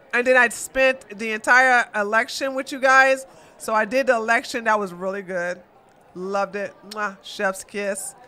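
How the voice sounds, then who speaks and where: A woman livestreams casually, talking with her viewers and reading out what they write. She greets them with loud, high-pitched exclamations and laughs frequently as she pokes fun at her chat.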